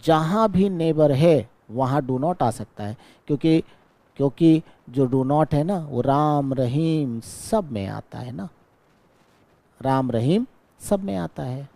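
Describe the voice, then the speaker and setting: Male teacher, slow patient lesson, mellow voice, dry close sound. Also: a little high, animated, gravelly. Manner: patient explaining, drawls English example sentences very slowly; checks in with the class often. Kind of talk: exam-prep grammar lesson.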